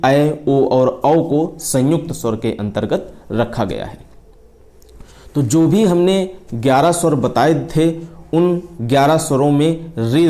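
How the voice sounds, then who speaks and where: A man's voice: medium pitch, mellow. A man teaching an exam-prep lesson, explaining step by step, repeating key terms and stretching sounds to demonstrate them.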